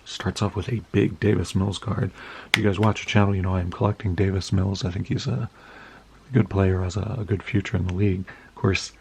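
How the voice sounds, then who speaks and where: A middle-aged American man with a cold and a hoarse, raspy voice, chatting in a rambling, friendly way while opening card packages for his channel. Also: low voice, fairly even intonation, brisk, slight background noise. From United States. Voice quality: raspy, gravelly. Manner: rambling, friendly, many uh fillers. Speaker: card collecting vlogger. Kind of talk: casual chat while opening mail.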